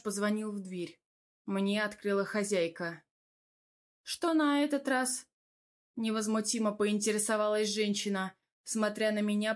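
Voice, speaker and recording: A woman narrating a first-person audiobook in a steady, even manner. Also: mid-range voice. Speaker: audiobook reader.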